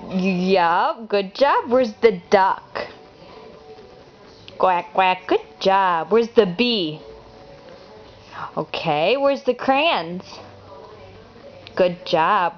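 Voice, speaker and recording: A woman's voice: mid-range voice, highs cut off. A woman quizzing a toddler in a home video, asking short questions and praising each answer. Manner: sing-song praising questions. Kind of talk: home video teaching session.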